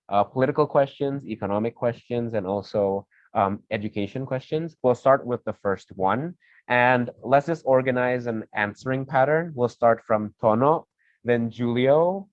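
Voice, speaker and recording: Friendly and rambling, a young man runs a casual student video discussion, often self-correcting as he goes. His voice is medium-pitched, and the dry recording has the dull lo-fi quality of call audio.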